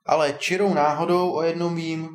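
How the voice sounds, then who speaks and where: A man voicing a kindly, teasing old male wizard in a storybook tale, a bit higher than his narration. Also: flat delivery, lightly acted. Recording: roomy echo.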